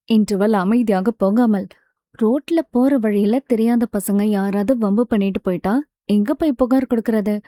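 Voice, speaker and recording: Mellow-voiced Tamil woman narrating a novel. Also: mid-range voice, no room sound, studio quality. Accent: Tamil Nadu. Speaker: audiobook narrator. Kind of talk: reading a novel aloud, voicing all characters.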